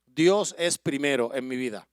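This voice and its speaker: Impassioned middle-aged pastor. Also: male voice, medium pitch, moderate pace, clean tone, dry recording, clean studio sound. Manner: emotional storytelling that builds to impassioned loud preaching. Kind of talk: sermon.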